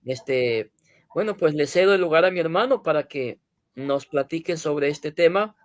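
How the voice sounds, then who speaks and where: A man's voice: a little high, animated, no room sound, studio quality. A male pastor hosting a live stream, introducing his guest with frequent fillers. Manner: slow, filler-heavy, often says "este". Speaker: pastor and host. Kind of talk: live-stream religious talk.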